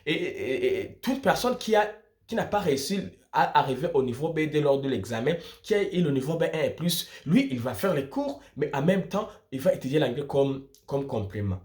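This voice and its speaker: Brisk and expressive, a young man's slightly high, somewhat mellow voice carries his study-abroad tips. He's a student vlogger from Burundi who explains things casually and emphatically, restating his points in different ways.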